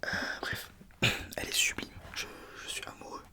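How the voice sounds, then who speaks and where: A man reading in a soft ASMR whisper, informal, sometimes stumbling over words and correcting himself. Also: moderate pace. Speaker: ASMR video creator. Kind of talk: whispered ASMR book reading with casual asides.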